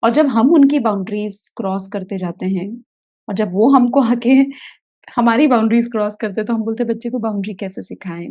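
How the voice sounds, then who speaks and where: Mellow-voiced woman therapist telling a story. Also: medium pitch. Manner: animated storyteller who acts out scenes. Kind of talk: casual video talk, telling a story from a workshop.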